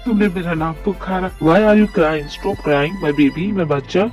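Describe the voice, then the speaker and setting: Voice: medium pitch, slow pace, a little mellow, natural voice. A voice actor playing a heartbroken young lover. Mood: tender. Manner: pleading, then cold and dismissive. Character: young man, wounded and bitter, then tender lover. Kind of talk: Hindi fan audio drama dub. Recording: distant mic with background music.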